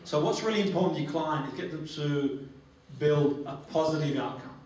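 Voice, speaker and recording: A phobia therapy trainer leads a guided relaxation demonstration for a group, speaking instructively and repeating his phrases. His voice is on the high side and a little mellow, at a normal speed. The training room is very echoey, the mic is distant, and there's faint noise.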